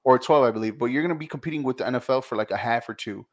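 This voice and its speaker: A man's voice: medium pitch, racing. Rambling male sports podcast co-host. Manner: rambling, hedging, loose casual talk. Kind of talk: casual sports podcast chat.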